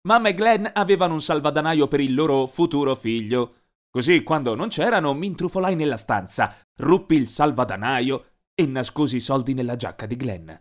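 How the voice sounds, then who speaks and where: A man narrating an animated teen story in a lively, mischievous storytelling voice. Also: mid-range voice, a little fast.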